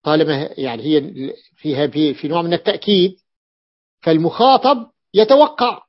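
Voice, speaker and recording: Guy explaining grammar in class, kinda high voice, repeats stuff, muffled lo-fi recording. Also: quick pace. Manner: repeats key phrases, asks and answers his own questions. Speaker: grammar teacher. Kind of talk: classroom lesson explaining a text. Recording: dull lo-fi recording.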